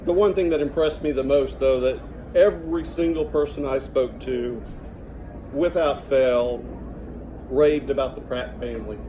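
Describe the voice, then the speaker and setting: A middle-aged man giving an informal father of the bride speech, halting and conversational, with a joking delivery. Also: mid-range voice. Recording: noisy room with loud audience chatter and laughter.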